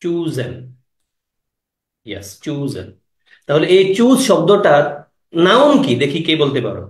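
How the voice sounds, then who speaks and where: A man teaches English grammar to an exam-prep class, firing quick questions at students and repeating key words. His voice sits on the high side with huge pitch swings, and the sound is roomy.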